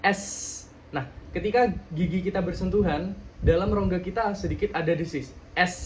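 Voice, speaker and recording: A young man talks through letter sounds one by one in a relaxed tutorial, drawing out each example word and slipping in teasing jokes. His voice sits a little high for a man. A faint hiss of room noise runs underneath. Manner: drawn-out demonstration sounds, joking asides. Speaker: student demonstrating articulation. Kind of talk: casual tutorial.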